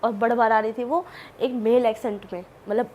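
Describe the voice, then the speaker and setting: Chatty woman with a higher voice. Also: normal speed, a little hiss or hum. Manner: chatty, animated, full of asides and fillers. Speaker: podcast guest. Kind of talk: casual storytelling.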